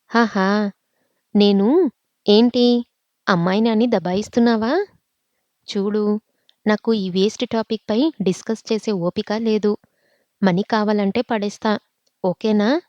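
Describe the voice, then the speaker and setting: A woman's voice: mid-range voice, slow, long pauses, a little mellow, no room sound, dull audio, lightly acted. A woman voicing an arrogant rich young man who taunts and threatens. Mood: mocking.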